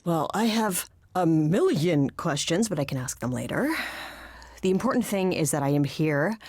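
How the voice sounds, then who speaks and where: A woman's voice: low-pitched, animated, normal speed, darkish tone, slightly rough, no room sound. A woman playing a loyal, skeptical young best friend in a video game, incredulous and dryly joking. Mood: supportive, joking.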